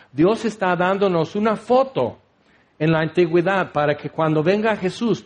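High-voiced man preaching a sermon. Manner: teaching, rhetorical questions, acts out quoted voices.

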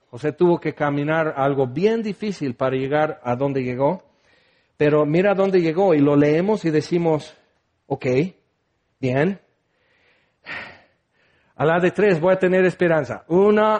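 A man with a Mexican accent delivers a conversational sermon in a slightly high voice. He is animated, climbs for emphasis, then sinks to a near hush. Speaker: preacher.

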